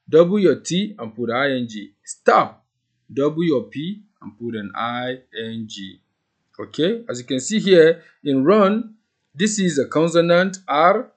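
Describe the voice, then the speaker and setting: Male teacher, mid pitch, patient step-by-step grammar explanations. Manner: explains step by step, repeats key rules. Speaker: English teacher. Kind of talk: grammar lesson.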